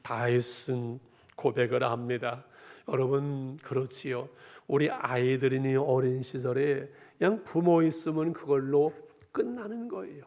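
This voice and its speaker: A man's voice: fairly high pitch, darkish tone. A man, a pastor, delivering a sermon and addressing his congregation directly, with swells of emphasis.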